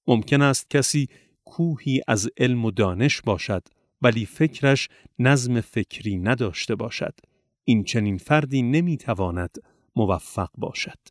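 A man reading religious memoir passages aloud in a measured, solemn way. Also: medium pitch, no echo, studio quality. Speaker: reader.

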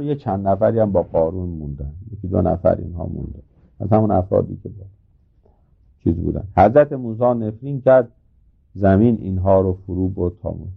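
A man giving an informal religious talk, retelling a scripture story in a casual, halting way with many filler words. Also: deep voice, vocal fry. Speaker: religious speaker. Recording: tinny phone-like recording.

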